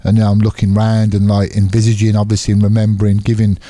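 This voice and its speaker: A man's voice: fairly low pitch, completely flat delivery, fast, mellow. A man with an English accent, co-hosting a casual podcast as a referee, rambling through stories with frequent laughs. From England. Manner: rambling storyteller who laughs often and restarts sentences. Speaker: MMA referee and podcast co-host.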